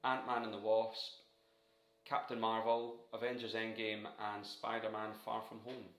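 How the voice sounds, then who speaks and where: A man co-hosting a casual quiz, reading questions and tossing in quick jokey asides. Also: fairly low pitch, little pitch movement, fairly bright tone. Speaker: quiz co-host. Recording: roomy echo.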